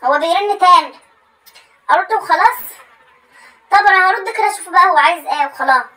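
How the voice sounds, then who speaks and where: Over poor audio, a young Egyptian-accented woman complains forcefully and repeats herself in a comic sketch of her own making, a monologue punctuated by phone calls. She talks quickly in a very high, bright voice.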